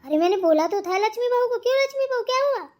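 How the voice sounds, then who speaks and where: A woman's voice: extremely high pitch, animated, quick pace, a little mellow, pitched above the performer's own voice. A woman voicing a bossy, scolding older mother-in-law in a cartoon. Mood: nagging. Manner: nagging, scolding. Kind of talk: cartoon voice acting.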